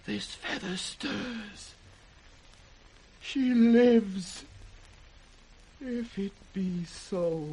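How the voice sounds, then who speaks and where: An actor playing an aged, grief-maddened king in British radio Shakespeare, raging and tender by turns with declamatory, drawn-out delivery. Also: a little high, darkish tone. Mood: desperate hope. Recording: noisy vintage radio recording.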